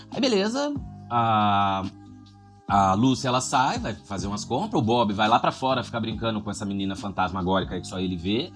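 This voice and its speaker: A man recapping a horror film in a casual, animated way, swearing and using slang as he goes. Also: medium pitch. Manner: animated, profane storytelling with slang.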